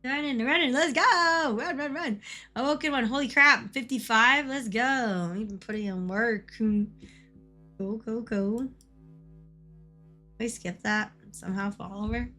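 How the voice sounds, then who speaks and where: A woman with a hoarse voice, chatting casually and excitably on a game stream, repeating phrases as she goes. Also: a little high, a little slow, soft background music. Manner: swears casually. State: hoarse from coughing. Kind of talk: casual live-stream chat.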